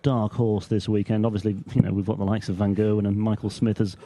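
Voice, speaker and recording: A man giving measured live darts commentary as the lead commentator. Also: lowish voice, flat delivery, dark tone.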